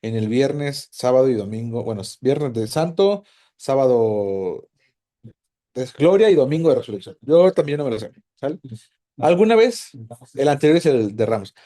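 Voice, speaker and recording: A man teaching a Bible class, animated and quizzing his students with lots of questions. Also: mid-range voice, moderate pace. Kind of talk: casual teaching to a group.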